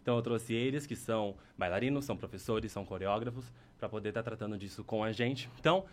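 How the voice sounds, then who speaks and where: Talking fast in a lowish voice, a podcast host with a Brazilian Portuguese accent chats casually in a playful, campy, teasing way.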